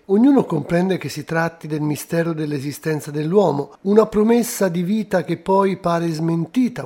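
A man as a priest giving a homily, speaking in a measured, reflective way with soft hesitations. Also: fairly high pitch.

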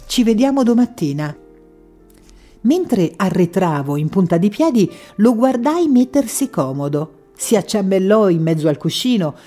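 A woman narrating a first-person audiobook with an emotive, expressive delivery. Her tone is mellow and warm at a middling pitch. Faint music sits low behind her voice.

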